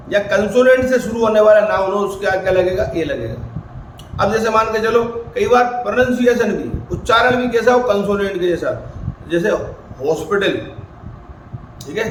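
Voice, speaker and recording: A man teaching a grammar class in a high voice. He keeps asking the class questions and answering them himself, and he voices the students' doubts in his own voice. The room is echoey, with faint background noise. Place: coaching academy classroom.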